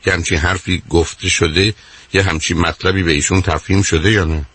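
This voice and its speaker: A man's voice: low voice, fairly even intonation, a bit bright, slightly rough, dry recording. A man hosting a radio call-in as a psychologist, interrupting insistently and repeating "my dear" and "wait".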